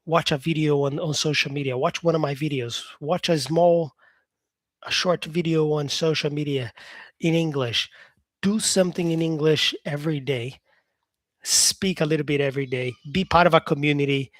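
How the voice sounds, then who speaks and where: A man's voice: fairly high pitch, steady tone, moderate pace, dry recording, clean studio sound. A man from Brazil, an English teacher, chatting casually with live viewers and answering their comments. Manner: casual, upbeat, sprinkles in "yeah". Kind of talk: live-stream chat with viewers.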